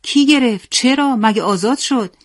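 A woman's voice: a little high, pitched above the performer's own voice, natural voice. A woman voicing a curt, worried father. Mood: tense. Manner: curt, commanding. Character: stern worried father, chain-smoking, middle-aged man.

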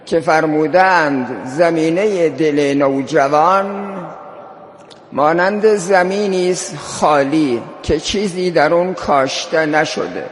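A male cleric preaching emphatically at a ceremony, in a hall with long reverb. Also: a little high. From South Khorasan, Iran. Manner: emphatic, rising to fervent preaching. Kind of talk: religious talk at a ceremony.

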